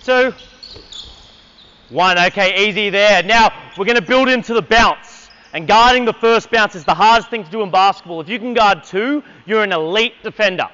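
A man's voice: high-pitched, moderate pace, pushed and bright, clean tone, lo-fi sound. A man coaching a basketball clinic on an indoor court, energetically calling out drills and counting down for players.

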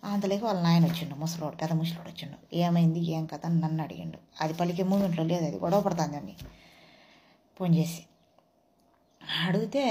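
Low, mellow-voiced woman. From Telugu-speaking India. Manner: retells a quarrel, acting out each person's words. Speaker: house worker. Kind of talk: casual storytelling vlog.

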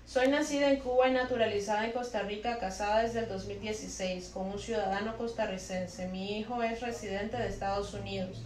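A woman's voice: medium pitch, fairly even intonation, fairly quick, hardly any pauses, darkish tone, a little hiss or hum. A woman co-host reading viewer questions aloud one after another, in a plain, matter-of-fact way. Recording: echoey room, voice a bit distant from the mic.

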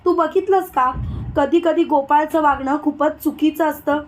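A woman's voice: high-pitched, moderate pace, darkish tone, close to an everyday voice. A woman reading as a worried household elder woman. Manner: worried, confiding.

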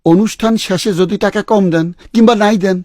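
Male actor as a haggling fixer, quick and high-voiced, over music. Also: steady tone, a little mellow, dry recording, studio quality, lightly acted. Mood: insistent. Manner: blunt, haggling, stubborn about money. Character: pushy money-minded male funeral fixer. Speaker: hired mourner and fake cleric contractor.

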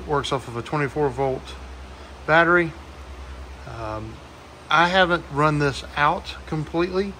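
A man's voice: on the high side, a little slow, pauses often. Guy in his 40s chatting about farm tools, easygoing, lots of ums, faint barn hum. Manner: relaxed, plainspoken, many fillers. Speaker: farm owner reviewing a tool. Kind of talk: casual talk to camera. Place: wooden horse barn, indoors.

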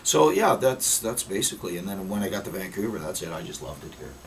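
A man in his fifties, born in the Netherlands, chatting as a musician guest in a rambling, animated way that repeats phrases. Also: low-pitched, quick pace, creaky. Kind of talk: casual interview chat. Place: basement utility room. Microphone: camera mic from a few feet away. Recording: distant camera mic, faint room hiss.

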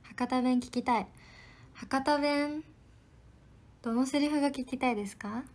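Speaking a little slowly in a high voice, a young woman training as an idol responds to viewer comments during a polite livestream chat, frequently dropping into gentle whispers.

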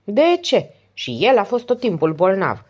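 A woman voicing a sick, complaining innkeeper woman with a hoarse, whining voice in an audiobook. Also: mid-range voice, very animated, darkish tone, pitched above the performer's own voice. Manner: querulous, self-pitying. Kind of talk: audiobook character voice.

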